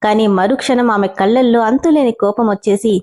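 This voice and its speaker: A woman reads a story aloud in an expressive, lively way, shifting into different voices for the characters. Her voice is a little higher than most women's. It has a mellow, warm tone. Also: fairly quick. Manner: expressive, switching between voices. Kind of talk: narrating a story and voicing its characters.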